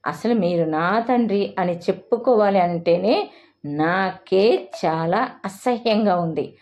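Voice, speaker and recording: A woman's voice: mid-range voice, very animated, a little slow, a little mellow. Woman as a fierce, defiant young woman. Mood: bitter. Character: angry young pregnant woman defending her mother.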